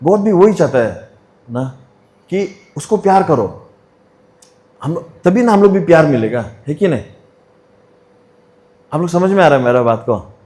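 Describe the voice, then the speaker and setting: A man's voice: a little high, expressive, unhurried, long pauses, darkish tone. A young man from Arunachal Pradesh in India, telling his personal testimony to a congregation in a storytelling way, mixing in English phrases and asking the listeners questions. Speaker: testimony speaker at church fellowship.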